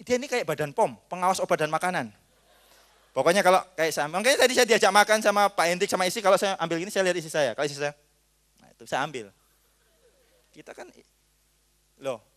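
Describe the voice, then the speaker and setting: A pastor preaching at a marriage seminar, joking and acting out little scenes between husband and wife. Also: male voice, high-pitched. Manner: jokey and animated, acts out little scenes. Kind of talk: lively seminar sermon.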